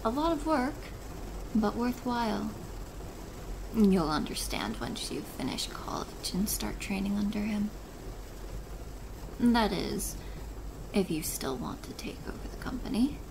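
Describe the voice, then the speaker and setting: Woman voicing a controlling yandere stepmother, slow measured pace, doting maternal chiding, ASMR audio drama, light rain noise behind. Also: mid-range voice, sing-song, vocal fry. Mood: doting, concerned. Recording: noisy rain ambience behind voice.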